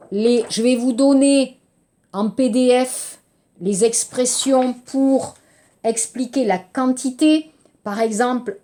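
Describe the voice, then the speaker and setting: Middle-aged woman, French teacher, unhurried and higher-pitched, patient, glosses vocabulary for learners. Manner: slow, patient explaining with frequent "d'accord?" checks; glosses words in Korean and English. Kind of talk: language lesson.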